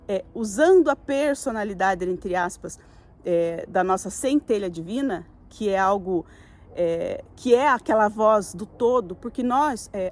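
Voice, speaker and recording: A middle-aged Brazilian woman with a fairly high voice gives a casual spiritual talk to camera. She chats with frequent fillers and tag questions, and she acts out her own quoted thoughts with lively shifts in her voice. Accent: Brazilian Portuguese. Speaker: spiritual YouTuber.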